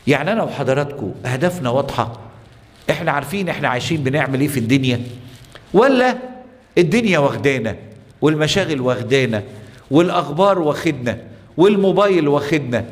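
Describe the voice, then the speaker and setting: Egyptian priest giving a sermon, tells stories, keeps asking the crowd questions, long echo like a big church hall. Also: male voice, fairly high pitch, lively intonation, quick pace. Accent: Egyptian Arabic. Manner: storytelling, with many rhetorical questions to the congregation.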